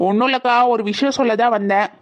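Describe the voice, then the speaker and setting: A polite young married neighbor in a cartoon, played by a woman, earnest and chatty. Her voice sits a little high. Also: steady tone, fast, lo-fi sound, lightly acted.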